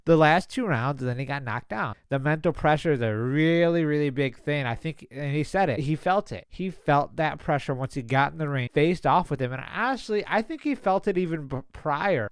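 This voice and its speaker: A man's voice: on the high side, smooth, no echo, studio quality. Chatty man in a reaction video. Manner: chatty, laughs easily, restarts sentences. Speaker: boxing commentator reacting to a clip. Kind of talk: casual reaction commentary.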